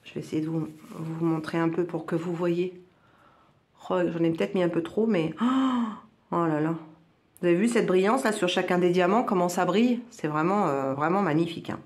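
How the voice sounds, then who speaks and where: A woman's voice: on the low side, a little fast, a little mellow. Enthusiastic northern French woman, roomy echo. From northern France. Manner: chatty and enthusiastic, full of little exclamations. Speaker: crafts vlogger. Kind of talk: casual product unboxing.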